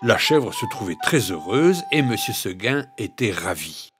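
A man reading a classic children's story aloud, expressive, with dramatic swings in his delivery. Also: fairly low pitch, unhurried, faint music behind.

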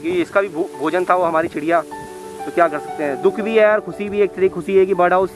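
Fast-talking man, high voice. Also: music in the background. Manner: excited, rapid questioning. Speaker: vlogger. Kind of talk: casual vlog chat.

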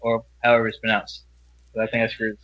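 A young man speaking earnestly as an interview guest, halting and often restarting his sentences. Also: on the low side, completely flat delivery. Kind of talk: personal interview talk. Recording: dull, lo-fi audio.

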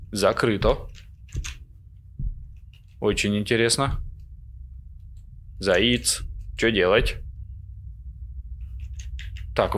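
A low-pitched male gamer talks through a horror game in a casual, uneasy way. He mutters to himself nervously, with clearly audible game ambience and noise behind his voice. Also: a bit bright. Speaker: gamer, let's play host.

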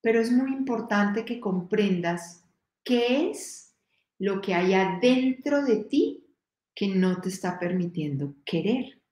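A woman giving a live-streamed motivational talk, animated and addressing her audience directly, with stories. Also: medium pitch, takes it slowly, roomy sound. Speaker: motivational speaker.

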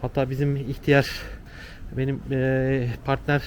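A travel vlogger chats casually with a companion on city streets, explaining things in a conversational way. His voice is medium-pitched, monotone and a little slow. The recording is noisy, full of outdoor street sound and traffic.

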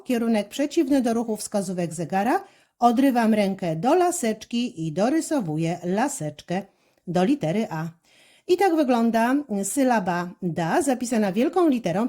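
A female teacher gives slow, careful, step-by-step handwriting instruction. Her voice is slightly high and lively, with a mellow tone.

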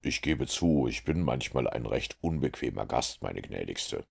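A man reading an audiobook aloud in the first person, measured and self-assured. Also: very deep voice, sing-song, creaky, darkish tone, husky. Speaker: audiobook narrator.

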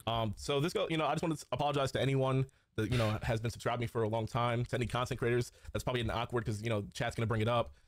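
A man's voice: mid-range voice, fairly even intonation, very fast, no echo, clean studio sound. A man in an apology video, talking hesitantly with lots of fillers. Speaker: streamer apologizing in a clip.

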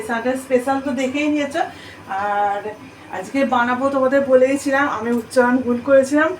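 Brief: woman vlogger, high voice, chatty and friendly with viewers, noisy home recording. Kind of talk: casual home vlog chat.

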